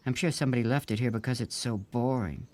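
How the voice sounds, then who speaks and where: A man's voice: medium pitch, fast talker, a little mellow, voice pushed up, natural voice. A man voicing a bored, unimpressed young boy in a storybook, with a grumbling, offhand delivery. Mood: dismissive.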